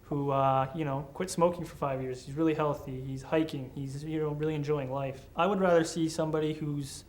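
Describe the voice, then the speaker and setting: A man's voice: fairly high pitch, fairly even intonation, brisk, hardly any pauses, darkish tone, a little hiss or hum. A man in his early twenties giving earnest, conversational interview answers. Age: 20s.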